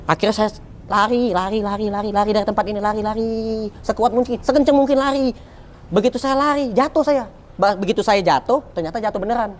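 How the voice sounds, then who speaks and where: A man telling his life story in a casual interview, animated, swinging from loud exclaims to low murmurs. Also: fast.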